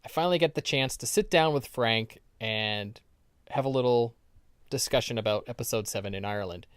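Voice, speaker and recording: A man's voice: mid-range voice, fairly quick, clear, resonant tone, no room sound, studio quality. A man co-hosting a podcast in casual chat, rambling through stories with ums and restarts. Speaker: podcast co-host.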